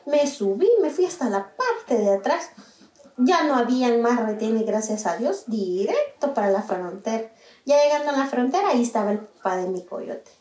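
A woman with a Guatemalan accent gives a personal testimony in an animated retelling, acting out the people she quotes. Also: on the high side, normal speed, roomy sound. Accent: Guatemalan Spanish. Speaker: interviewee.

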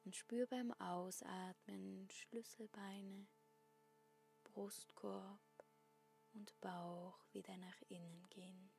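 A woman guiding a breathing meditation in a soft, breathy, half-whispered spa voice, giving calm instructions with long pauses. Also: mid-range voice, slight background noise.

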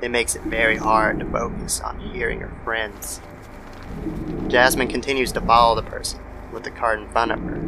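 A man narrates a scripted horror tale in a mid-pitched voice thick with gravelly fry. Noticeable background noise runs behind him throughout the recording.

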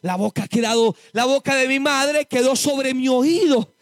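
A man giving an impassioned testimony sermon to a church congregation, addressing them as brothers and rising to shouted exhortation. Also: very high voice, normal speed, dry recording, studio quality. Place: church service before a congregation.

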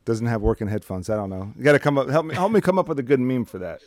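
A man's voice: medium pitch, lively intonation, rapid-fire, darkish tone, no room sound. Male podcast co-host, casual and profane, dry recording. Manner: profane, loose and joking. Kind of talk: casual chat.

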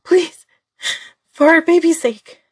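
A woman's voice: very high-pitched, steady tone, takes it slowly, pitched above the performer's own voice. A woman voicing a terrified pregnant young woman, tearful and desperately pleading in an audio drama story.

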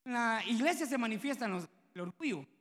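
A man's voice: extremely high pitch, expressive, fast, fairly bright tone, in a large hall. A man preaching a sermon, telling stories and acting out the dialogue in them. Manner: conversational storytelling, acting out quoted dialogue.

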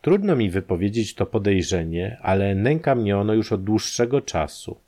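A man's voice: lowish voice, lively intonation, moderate pace, mellow. Guy reading a distraught young woman, earnest and urgent, in an old-style audiobook. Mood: earnest pleading. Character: distraught young woman pleading a man's innocence.

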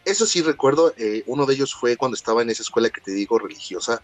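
A fast-talking man with a mid-range voice and a Mexican accent tells childhood stories in casual, slangy chat, animatedly acting out what people said. The recording has no room sound, with soft music behind him.

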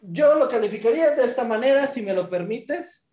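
A man's voice: extremely high pitch, animated, brisk, dark tone, roomy sound. A man with a Mexican accent co-hosting a casual, humorous film review, sardonic and mock-serious in his delivery. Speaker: co-host of a movie review show.

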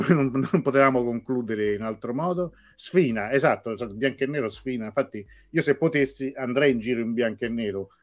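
A man with a Roman Italian accent hosts a casual live show in a mid-pitched voice. He plays the showy quiz master, rambling and joking at his own expense as he talks to his audience. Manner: rambling, self-mocking. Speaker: host of a live online talk show.

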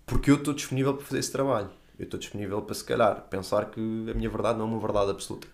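A man's voice: fairly low pitch, very fast, gravelly. A man with a European Portuguese accent explaining his views earnestly and informally in a casual podcast conversation, with slangy check-in tags. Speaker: podcast guest.

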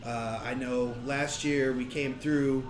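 A man's voice: mid-range voice, fairly even intonation, takes it slowly. A man hosting a casual podcast recorded on location at a brewery. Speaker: podcast host. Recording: echoey on-location room, music behind.

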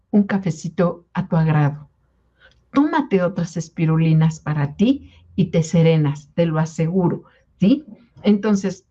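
A woman's voice: medium pitch, warm tone, dull audio. A woman from Mexico giving an informal health talk to product distributors, coaxing them along and often checking in with a questioning "¿sí?". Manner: coaxing, repeats "¿sí?" to check in with listeners. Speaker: wellness product presenter.

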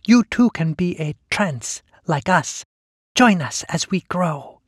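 A man's voice: high voice, expressive, takes it slowly, slightly rough, dry recording, studio quality, pitched above the performer's own voice, exaggerated voice. A man voicing a female hive-monster fused into a mass of flesh, speaking in an oily, taunting, zealous way. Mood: coaxing.

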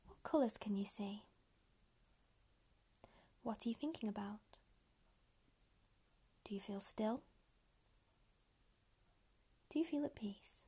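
A woman whispering a slow, soft guided meditation close to the mic, giving calm step-by-step instructions. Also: medium pitch, husky.

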